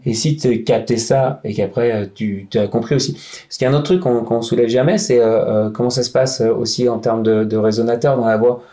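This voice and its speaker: Man, punk songwriter, casual round-table chat, dark mellow voice, emphatic, restarts a lot. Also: mid-range voice, brisk. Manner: animated, frequent restarts and fillers, emphatic.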